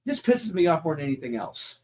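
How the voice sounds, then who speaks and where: A man's voice: fairly high pitch, very animated, a little fast. A man co-hosting a casual comic review chat, heated and ranting, swearing freely.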